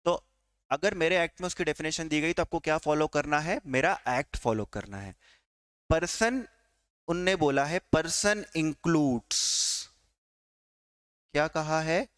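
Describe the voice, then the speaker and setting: A man's voice: a little high, a little fast, a bit bright, smooth, no echo, studio quality. A man teaching a tax law class with an Indian accent, quizzing students and answering his own questions. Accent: Indian English. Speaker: tax lecturer. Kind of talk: classroom lecture.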